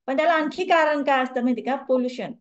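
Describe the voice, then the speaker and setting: A woman's voice: sits high, quick pace, highs cut off. A woman wellness coach gives a conversational lecture to a group and keeps asking the audience questions.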